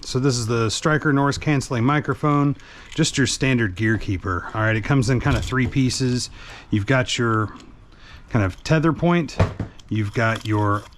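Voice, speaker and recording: A host who is also a truck driver demonstrates an installation in a casual hands-on tutorial, speaking plainly and thinking aloud while he works. His voice is mid-range and a little slow, with a slight hiss or hum in the recording.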